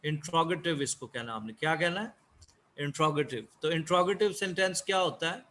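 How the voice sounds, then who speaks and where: Male teacher, online class, measured and repetitive delivery, slightly high-pitched. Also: lively intonation, bright, forceful tone. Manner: slow, repeats key words. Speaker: English teacher.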